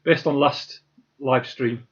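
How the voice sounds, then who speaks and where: A man's voice: medium pitch, steady tone, slow pace, dull audio. A man chats casually on a live stream while building Lego, muttering to himself and answering viewers' comments. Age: 50s.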